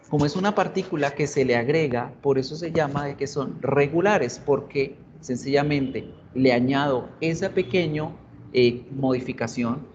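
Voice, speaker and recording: A man teaching English in a live online class, his voice a little higher than most men's. He switches between Spanish and English, quizzes his students and repeats example words. The sound is dull and lo-fi, with a faint hiss behind it.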